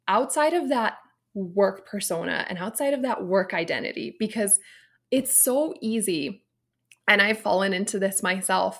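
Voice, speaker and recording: A woman in her late thirties from Romania, a personal stylist speaking as a podcast guest, telling her story in an open, reflective way. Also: mid-range voice. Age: 30s. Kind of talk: casual interview chat.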